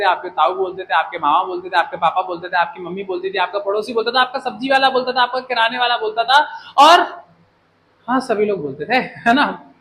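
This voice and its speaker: A young man with a Hindi accent teaching an English class, animated and jokey, often asking rhetorical questions. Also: extremely high pitch, rough recording. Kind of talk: classroom lecture. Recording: faint background noise.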